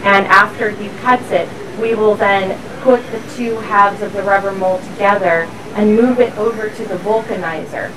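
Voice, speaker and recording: With barely a pause, a medium-pitched woman explains the factory step by step at a moderate pace, her intonation fairly even. She's guiding a tour across a busy floor, recorded from a somewhat distant mic amid machinery and workshop sounds.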